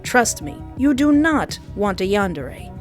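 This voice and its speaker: Music sits behind a woman host who reads scripted commentary for her visual novel stream, throwing in comic asides. Her medium-pitched delivery is very animated yet measured in pace, and she hits single words with dramatic emphasis.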